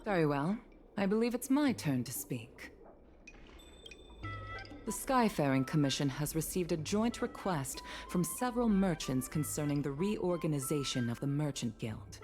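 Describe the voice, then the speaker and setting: An actress playing a calm, authoritative woman commission official who speaks diplomatically. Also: low-pitched, moderate pace. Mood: composed. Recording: game audio over loud music.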